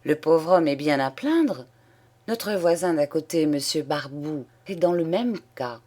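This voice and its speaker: A woman's voice: deep voice, expressive, a little slow, warm tone. Woman doing a grave, moralizing wife. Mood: stern. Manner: grave, stern disapproval. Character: prim, moralizing middle-aged wife.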